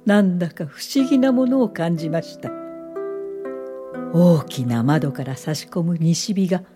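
With music in the background, an actress whose lowish voice is expressive voices a reflective welfare official in her late fifties. Her radio drama narration and dialogue come across as polite and measured.

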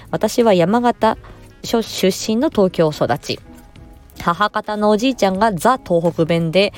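A woman hosts a relaxed podcast and reads listener comments aloud in a soft, courteous voice at a middle pitch. She often pauses on small filler words and sounds tired after a day's work. Faint music plays behind her. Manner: gentle, polite, with frequent filler pauses. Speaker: podcast host.

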